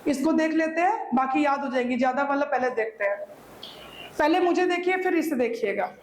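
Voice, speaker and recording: A woman's voice: high-pitched, moderate pace, a little hiss or hum. A woman teacher with a Hindi accent giving a classroom lecture, often checking that students follow and repeating answers as she points to her own body. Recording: echoey room, faint ambience.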